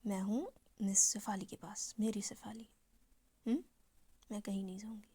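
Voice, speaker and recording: A woman voicing a calm, caring woman who coaxes gently but firmly. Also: medium pitch, normal speed, slightly rough. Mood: tender. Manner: soft, coaxing, quietly firm.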